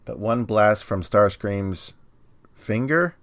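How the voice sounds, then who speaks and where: A man co-hosting a podcast, recapping an episode's plot in a steady storytelling way with dry humor. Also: fairly low pitch, slow pace, no echo.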